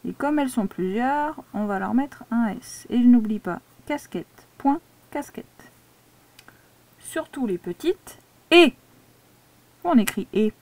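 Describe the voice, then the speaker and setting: A woman's voice: fairly high pitch, animated, measured pace, a little mellow, dry recording. A woman teacher giving a dictation lesson to a child, patiently spelling words out syllable by syllable. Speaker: primary school teacher.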